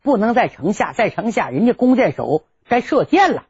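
A woman performing a traditional story with a lively, dramatic delivery. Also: medium pitch, normal speed, slightly rough. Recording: dull lo-fi recording.

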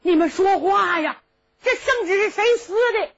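A woman doing a shrill indignant old prince. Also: normal speed, gravelly, fairly bright tone, full character voice. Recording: dull lo-fi recording.

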